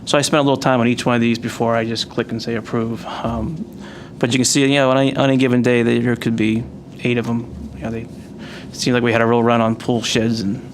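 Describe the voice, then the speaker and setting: A man giving a spoken report as an agent at a public meeting, with frequent pauses mid-phrase. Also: mid-range voice, flat delivery. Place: municipal agency meeting. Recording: faint background noise, meeting room.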